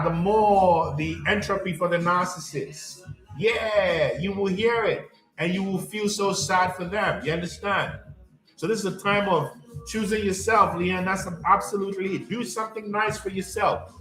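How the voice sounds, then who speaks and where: A man coaching a live audience in a slow, emphatic spiritual pep talk, repeating himself often and checking in with "you understand?". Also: high voice, fairly bright tone. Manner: repetitive, keeps asking "you understand?" and greets viewers by name. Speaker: life coach hosting a livestream. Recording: echoey room with faint music.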